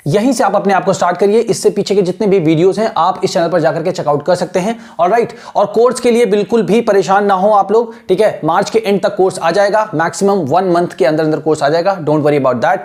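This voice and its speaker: A man teaching an English lesson in mixed Hindi and English, asking rhetorical questions and repeating words slowly to show how they are pronounced. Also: high-pitched, darkish tone. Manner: asks rhetorical questions and answers them.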